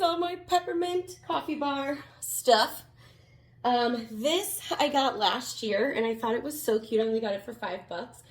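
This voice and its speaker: A woman's voice: high-pitched, a bit bright. Upbeat chatty woman vlogging at home. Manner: upbeat, chatty, addresses viewers as friends. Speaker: lifestyle vlogger. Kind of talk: casual home decorating vlog. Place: home kitchen.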